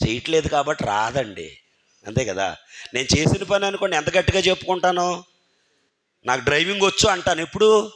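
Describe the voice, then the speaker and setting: Male preacher, high voice, emphatic sermon full of questions put to listeners. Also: lively intonation, a little fast, long pauses, a bit bright. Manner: keeps firing rhetorical questions at the congregation and calling on listeners by name; emphatic, urging listeners to think carefully. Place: church hall.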